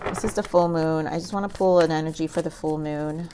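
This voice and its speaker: A woman's voice: low voice, steady tone, fairly quick, background noise. A woman giving a casual tarot reading, musing aloud with many "like"s and "um"s as she pulls cards. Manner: musing, says "like" and "um" often, talks to spirit while pulling cards. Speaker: tarot reader.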